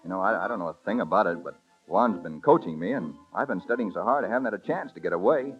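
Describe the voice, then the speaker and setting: A man's voice: on the low side, expressive, fast. An actor playing an eager, boyish young man with breezy slangy talk, in vintage radio drama style, on a dull old broadcast recording with faint music. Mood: wistful. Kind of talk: 1930s radio drama acting.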